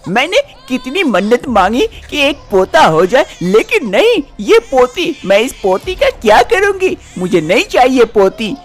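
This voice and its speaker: A woman's voice: mid-range voice, lively intonation, measured pace. A woman voicing a scheming older mother-in-law who insists on a grandson, scolding and repeating herself. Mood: bitter.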